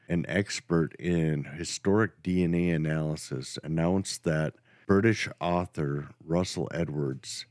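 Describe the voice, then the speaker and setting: Very deep-voiced man telling true crime. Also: no room sound, studio quality. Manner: steady, matter-of-fact narration. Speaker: podcast host.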